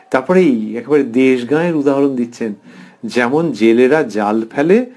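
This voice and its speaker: A man's voice: on the high side, mellow. Earnest man explaining devotional scripture. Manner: reads quoted passages then explains them slowly and earnestly. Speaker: spiritual lecturer.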